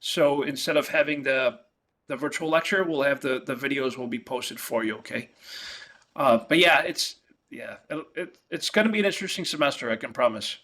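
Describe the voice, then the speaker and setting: The video-call lecture comes from a New York-accented economics professor who grew up speaking Italian. His mid-range voice sounds pushed and bright, and he stumbles through the virtual class with constant fillers and restarts.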